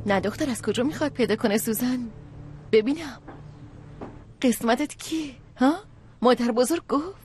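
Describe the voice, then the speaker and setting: Actress playing a cheeky scheming friend. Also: female voice, fairly high pitch, pauses often, a little mellow, a little hiss or hum, close to an everyday voice. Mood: playful. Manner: teasing, persuasive. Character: young woman, cheeky scheming best friend. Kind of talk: dubbed drama series dialogue.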